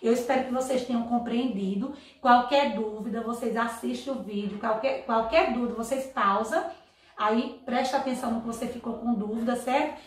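A Brazilian primary school teacher giving an online lesson to young children. She reads example words slowly, stretching them out, and keeps checking that the kids are following. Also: on the high side. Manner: slow, stretched-out reading of example words with frequent "tá vendo, ó?" checks. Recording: echoey room, voice from a distance.

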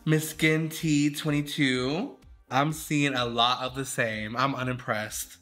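A man's voice: medium pitch, fairly even intonation, slow pace, pushed and bright, faint music behind. A man, a drag queen host, giving sassy, dramatic, shady live commentary while judging a game fashion show.

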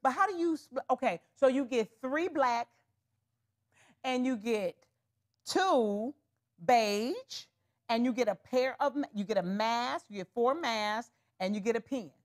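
A woman with a high, bright-toned speaking voice runs a live wig sales stream. She chats straight at her viewers, calls them honey and y'all, and keeps pushing the deals. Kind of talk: live shopping stream chat.

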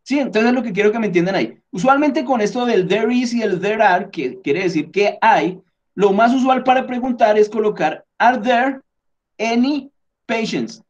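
Speaking in Spanish during an online English class, this man has a high-sitting voice with lively intonation and a moderate pace, though the highs are trimmed. His explanations are patient and incremental, with frequent check-ins, and he reasons aloud and fixes his own slips while editing on screen.

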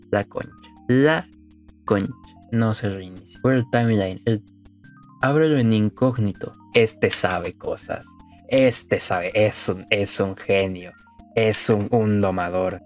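A man's voice: lowish voice, a little mellow. Man, Mexican accent, streamer, casual gameplay commentary, swears, repeats himself, faint background music. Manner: mutters to himself, swears often, repeats phrases.

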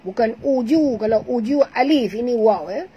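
A woman's voice: fairly high pitch, expressive, normal speed, mellow, slight background noise, rough recording. A woman with a Malaysian Malay accent teaching Quran recitation rules in an online class, patiently repeating sounds and correcting pronunciation. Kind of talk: online tajwid class, explaining and demonstrating recitation.

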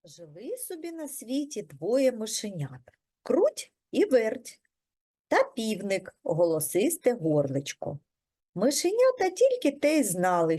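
A female preschool teacher with a mid-range voice reads a folk tale aloud to young children, telling the story in a gentle, expressive way.

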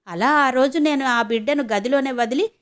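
A woman's voice: sits high, normal speed, close to an everyday voice. A woman narrator voicing a remorseful birth mother who confesses in a storybook reading. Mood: regretful. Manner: confessing, regretful.

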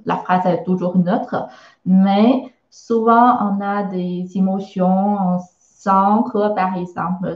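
A woman's voice: medium pitch, darkish tone, reverberant, dull audio. A woman with a Chinese accent and Mandarin as her first language, teaching a live online lesson and explaining patiently with many hesitations and filler sounds.

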